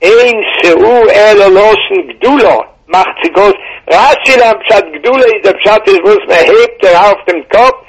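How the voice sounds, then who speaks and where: Male Torah teacher, husky and gravelly, halting delivery with repeats, muffled phone line. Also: high-pitched. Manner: halting, repeats words, mixes Hebrew into German.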